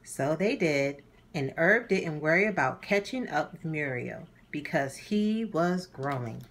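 For an audience of young children, a low-pitched woman reads a storybook aloud as host, her narration measured and lively.

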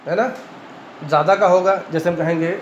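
A man teaching Arabic grammar in Hindi-Urdu with an Indian Urdu accent, a classroom lecture where he repeats each point and keeps checking in with "है ना", now and then clearing his throat. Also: high voice, steady tone, moderate pace. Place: madrasa classroom. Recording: echoey room, dull lo-fi sound, faint hiss.

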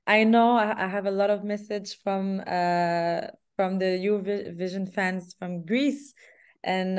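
A young woman singer from Canada talks over a laptop webcam in a small room. Her voice is mellow and mid-pitched. She answers haltingly, restarting phrases as she goes. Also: smooth. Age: young adult. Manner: hesitant, restarts often, laughs softly. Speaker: singer interviewee. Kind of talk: casual video-call interview. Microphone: laptop webcam on video call.

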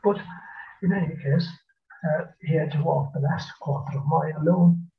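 Here the same kind of storyteller, an older Irish folklorist with a rural west-of-Ireland accent, spins oral folk stories casually, his lilting delivery full of repeats and pauses. The male voice is a little high, with fairly even intonation. It's a video call picked up on a computer mic in a small, dim room at home, muffled and phone-like, with slight background noise.

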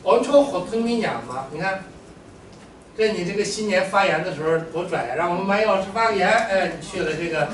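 A man teaching a classroom language lesson, joking and animated with his students. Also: high voice, fast. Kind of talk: classroom lecture. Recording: echoey room, mic far off, faint room noise.

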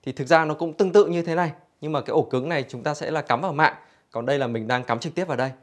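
A man's voice: on the high side, racing. A man giving an infomercial-like product demonstration for a store, explaining conversationally to customers.

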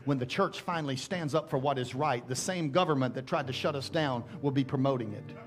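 A middle-aged man pastor preaching a sermon on a large church stage through a headset mic, with emphatic rising calls and slow, drawn-out scripture readings. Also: medium pitch. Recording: church sermon with music behind.

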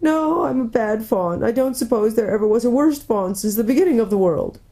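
A woman voicing a gentle, guilt-ridden male fawn in a children's storybook, woeful and full of self-reproach. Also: fairly high pitch, lively intonation, a little fast, pitched above the performer's own voice, natural voice. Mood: sobbing, wretched. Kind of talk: dramatised children's storybook reading.

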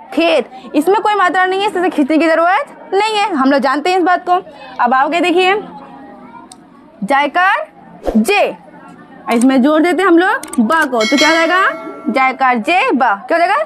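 A woman with a high voice teaches a Hindi lesson to young children. She sounds out each syllable slowly and patiently and keeps asking the children questions. There is a faint hiss of background noise behind her. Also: a bit bright.

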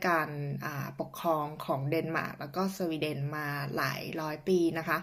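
A woman from northeastern Thailand, a native Thai speaker, teaching vocabulary in a casual, chatty vlog with many fillers and slowly spelled-out words. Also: deep voice, steady tone, a bit bright. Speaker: language teacher vlogger.

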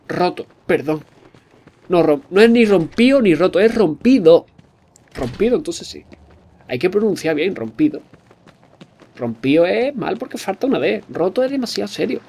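Excitable swearing gamer. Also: male voice, high voice. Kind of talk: let's play commentary.

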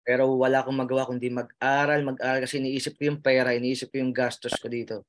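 A man's voice: mid-range voice, little pitch movement, fast. Filipino man, nurse interviewee, earnest, heartfelt storytelling, mid-range voice. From Philippines. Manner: earnest, addresses host as sir, frequent fillers and restarts. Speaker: interviewee, nurse who passed the licensure exam.

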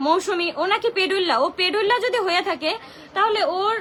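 A woman's voice: very high-pitched, a little fast, fairly bright tone, a little hiss or hum. A young woman venting on a phone livestream, heated and indignant and full of rhetorical questions. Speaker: social media livestreamer. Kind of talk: livestream rant.

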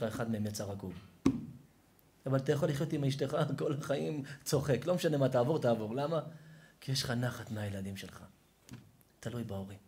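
A man, a rabbi, giving an emotional moral sermon, telling stories dramatically and swinging from hushed to shouted. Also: medium pitch, slight background noise.

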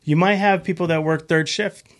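A man's voice: on the high side, fairly even intonation, normal speed. A man from Rhode Island, a guest in a casual chat, playful and jokey. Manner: playful, jokey, acts out voices.

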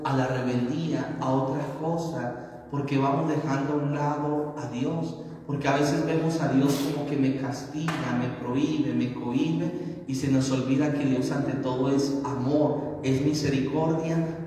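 A man's voice: mid-range voice, mellow, slight background noise. A middle-aged man, a priest, preaching a sermon at a baptism mass in a small chapel, speaking into a handheld mic and putting questions to the congregation. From Colombia. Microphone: handheld mic, far camera. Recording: echoey chapel, voice heard from far off.

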